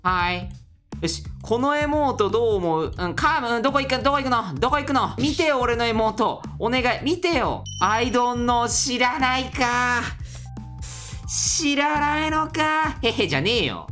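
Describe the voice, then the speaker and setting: A young woman with a Kansai accent giving chatty, animated let's play commentary while talking to her viewers. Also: fairly high pitch, fairly quick, faint music behind. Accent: Kansai Japanese. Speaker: gaming YouTuber.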